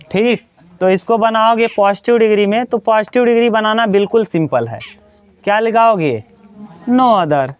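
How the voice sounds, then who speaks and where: A man teaches a grammar lesson, his voice high for a man and smooth and clear. He talks straight to his students and slows down to repeat each example. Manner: addresses students directly, repeats examples slowly.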